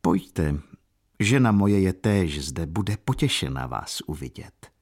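A man's voice: low voice, lively intonation, a little mellow, husky, heavily acted. A man reading as a tired, distracted older husband. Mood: weary. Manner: weary, absent-minded.

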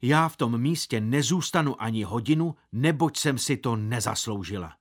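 A man's voice: mid-range voice, animated. A man reading a story aloud, putting on the voice of an offended housemaid woman who wails that she will not stay. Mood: indignant.

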